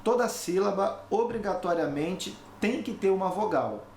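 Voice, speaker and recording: A male teacher speaks slowly and deliberately in a slightly high voice. He explains point by point and keeps checking in with short tag questions. The recording is roomy and echoey, with a faint hum underneath. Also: expressive, a little mellow. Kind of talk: recorded online lesson. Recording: echoey room, faint background noise.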